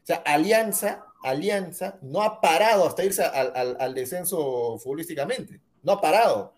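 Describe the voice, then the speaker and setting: Insistent higher-pitched man. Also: animated, normal speed. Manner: insistent, stubborn, repeats his point. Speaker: podcast co-host. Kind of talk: heated football debate.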